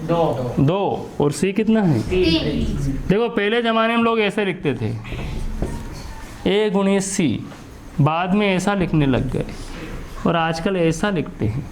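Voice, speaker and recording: A maths teacher with an Indian accent and a high voice. He keeps asking the class questions and answers them himself. He repeats each step and switches between Hindi and English terms. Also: sing-song, slow pace, pauses often, noisy background. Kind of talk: classroom lesson.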